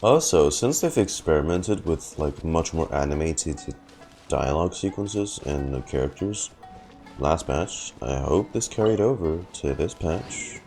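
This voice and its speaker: A man streams a game and reacts casually, musing to himself as faint game music plays. His voice is low and rumbling, slightly mellow, expressive and unhurried.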